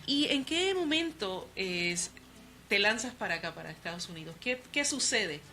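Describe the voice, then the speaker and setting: A woman's voice: medium pitch, expressive, normal speed, pushed and bright, slight background noise. A woman hosting an interview, asking friendly questions and slipping in English words.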